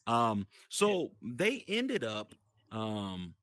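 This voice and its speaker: A man's voice: mid-range voice, wildly swooping pitch, drawn-out words, a bit bright, no echo. A man casually telling a long story in a voice chat, full of restarts and fillers. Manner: rambling, many restarts and fillers. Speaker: guest describing his virtual world.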